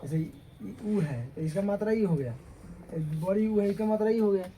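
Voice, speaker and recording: Guy teaching a class, high voice, keeps repeating and asking if they got it, bit of street noise. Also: lively intonation, normal speed, mellow, poor audio. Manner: repetitive step-by-step explaining, often checks understanding. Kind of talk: classroom grammar lecture. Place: coaching classroom with students.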